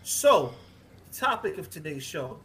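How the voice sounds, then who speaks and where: A man's voice: a little high, very animated, slow, a bit bright, a little hiss or hum. A man hosting a podcast in casual chat, joking and profane and laughing often. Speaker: podcast host.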